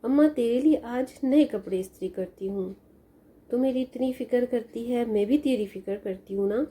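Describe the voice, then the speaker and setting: A woman voicing a sad, lonely young woman who pleads softly as she grieves for her mother in a storybook tale. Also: on the high side, moderate pace, close to an everyday voice. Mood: sorrowful. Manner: plaintive, pleading.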